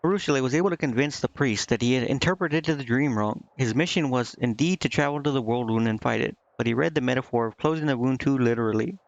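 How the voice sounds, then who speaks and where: This game streamer speaks quickly in a mid-range voice with vocal fry, barely pausing, captured in a dry, lo-fi recording. He reads game text aloud and muses indecisively during casual live commentary, with game music in the background.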